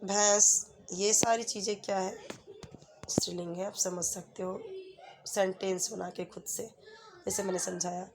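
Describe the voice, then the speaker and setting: A woman's voice: medium pitch, little pitch movement, measured pace, noisy background. A woman teacher, patiently walking students through a workbook lesson with everyday example sentences. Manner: patient, repeats "ठीक है" often, gives everyday example sentences.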